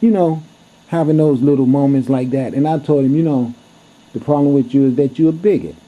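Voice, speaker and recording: A man's voice: medium pitch, fairly even intonation, brisk. A man telling a story to camera in a blunt, heated way, cursing freely as he goes. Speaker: vlogger. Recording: dull lo-fi recording.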